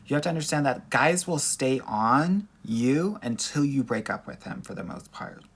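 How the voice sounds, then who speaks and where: A man's voice: medium pitch, expressive, moderate pace, a bit bright, breathy edge. A man with a Southern California Valley Girl accent, giving casual dating advice on a livestream in a sassy, girlfriend-to-girlfriend manner. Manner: sassy girlfriend-to-girlfriend talk, peppered with "girl" and "honey". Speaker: dating coach and livestream host.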